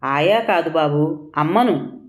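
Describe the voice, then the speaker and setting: A woman's voice: low-pitched, lively intonation, takes it slowly. A woman voicing a meek, pleading young wife. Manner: soft, pleading, timid.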